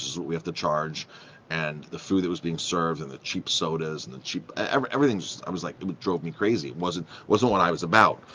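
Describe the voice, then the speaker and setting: A chef and restaurant owner talks casually and emphatically to the camera in a vlog style. His voice is deep with a fairly bright tone, and he repeats phrases and restarts often; there's a little hiss or hum in the audio.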